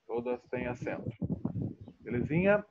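A man's voice: mid-range voice, lively intonation, unhurried. A man teaching a class online, patient and stretching out words as he explains, often checking in with the students. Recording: muffled lo-fi audio, faint noise.

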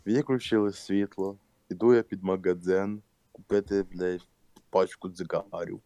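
A man's voice: low voice, steady tone, unhurried, warm tone, no echo. A young man telling a crude, slang-filled story in casual chat, often laughing. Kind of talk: casual storytelling with acted quotes.

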